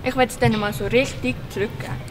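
A woman's voice: on the high side, steady tone, quick pace, natural voice. A woman with a Swiss German accent acting a schoolgirl who is fed up with a bullying gang and wants revenge, speaking in an indignant, fired-up way. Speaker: actor in an amateur short film. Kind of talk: amateur film acting. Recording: noisy location sound.

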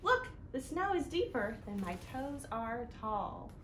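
Seated on her living room couch, a woman with a fairly high voice reads aloud for a library's children's storytime at a measured pace. She's animated and sing-song, talking directly to little listeners. The camera sits a few feet off, giving roomy home sound with clear background noise.

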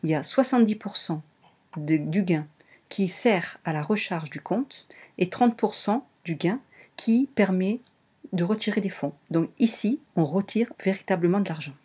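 A woman's voice: on the low side, moderate pace, mellow, slightly rough. A woman with a French accent talking through a browser game on a screen recording, explaining it step by step and often repeating or correcting herself. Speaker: online game walkthrough presenter. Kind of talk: casual screen-recorded tutorial.

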